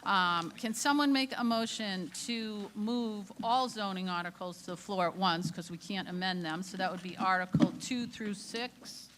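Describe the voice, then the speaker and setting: A woman moderating a town meeting, brisk and procedural, calling on speakers and apologizing often. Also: medium pitch, background noise. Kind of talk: running a public town meeting.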